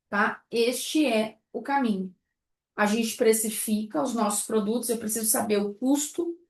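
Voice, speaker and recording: A high-voiced woman leads a live class on pricing sweets. She keeps throwing rhetorical questions at her students. Her voice carries a roomy echo. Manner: lively, rhetorical questions to the audience. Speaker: baking business instructor.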